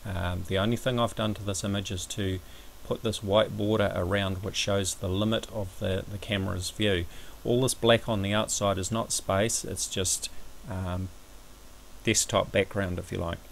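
A man giving a measured, somewhat hesitant step-by-step explanatory commentary over a screen recording, as an amateur astronomy presenter. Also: sits low, fairly even intonation, creaky, slight background noise, rough recording.

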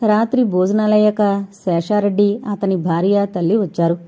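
A woman narrating a novel as an audiobook, in a measured, steady storytelling manner. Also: medium pitch.

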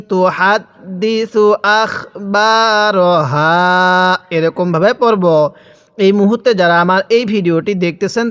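A man's voice: sits high, clean tone. A male teacher from Bangladesh with a Bangladeshi Bengali accent, giving a recitation lesson, spelling out syllables one by one and having viewers repeat after him.

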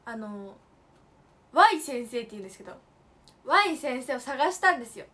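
High-voiced chatty young woman streamer. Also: very animated, moderate pace, pushed and bright. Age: late teens. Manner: chatty storytelling with playful emphatic asides; switches between polite and slangy casual speech. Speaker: idol livestream host. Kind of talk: casual livestream chat.

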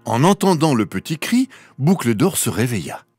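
A man's voice: medium pitch, very animated, moderate pace, over music. A man narrating a children's fairy tale in a lilting, sing-song way, drawing out the repeated phrases. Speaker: storyteller.

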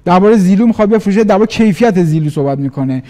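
High-voiced man giving an animated business talk. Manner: animated, acts out little dialogues in varied voices. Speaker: business trainer.

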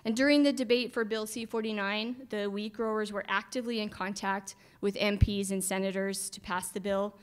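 A woman's voice: mid-range voice, moderate pace, few pauses, clear, resonant tone. Middle-aged woman at a podium mic, conference speech with dry humor. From Canada. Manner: lively, wry asides. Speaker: farm association director. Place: hotel conference room. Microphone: podium microphone.

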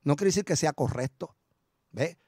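A middle-aged Puerto Rican pastor preaching an animated, story-filled sermon to his congregation. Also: on the high side, normal speed, no room sound, clean studio sound.

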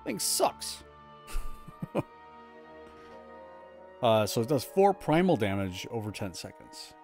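A man in his thirties streams a game from home, chatting casually and joking about his own play, often restarting his sentences. His voice is on the low side, sing-song, slow and a little mellow, with faint music behind.

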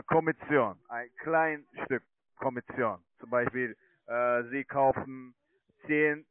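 This is a phone sales call from a man who works as an online trading account manager. His phrasing is broken and hesitant, since German isn't his first language. The recording is dry, his voice is mid-range, and the line sounds tinny and narrowband.

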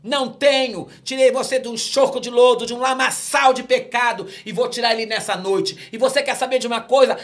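A commanding divine voice rings out with loud, firm lines, put on by a Brazilian pastor retelling his story. The tone stays high and declaiming. It is the voice of authority inside a spoken testimony. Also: normal speed, hardly any pauses. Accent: Brazilian Portuguese. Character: commanding divine voice of God speaking to a believer.

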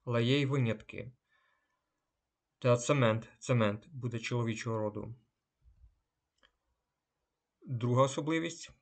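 A man teaching a language lesson, drawing out each German example word before giving its meaning. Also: medium pitch. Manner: slow, drawn-out German example words. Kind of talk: unhurried lesson.

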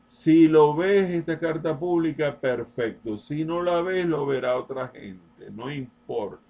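A man delivering a political monologue as an open letter, slow and deliberate, repeating his points emphatically and addressing the listener directly. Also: on the high side, lively intonation, creaky, warm tone. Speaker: political commentator.

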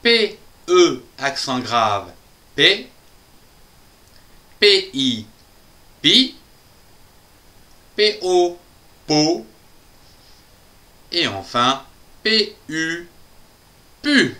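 A man's voice: fairly high pitch, big pitch swings, very slow, long pauses, sharp tone. A man giving a children's reading lesson, spelling out letters and syllables one by one in a playful, sing-song way. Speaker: reading teacher.

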